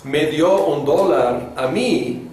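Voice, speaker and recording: Slow-talking male teacher in an echoey room. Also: a little high, darkish tone, slight background noise. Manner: slow, thinking aloud with many fillers. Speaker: Greek teacher. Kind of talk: classroom lecture. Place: classroom. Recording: echoey classroom from a distant mic.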